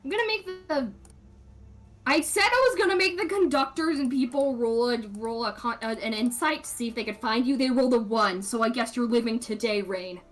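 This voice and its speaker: A woman's voice: a little high, brisk, faint music behind. A woman running a tabletop game as game master, narrating casually and rambling through her scene descriptions. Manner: rambling, many fillers and restarts.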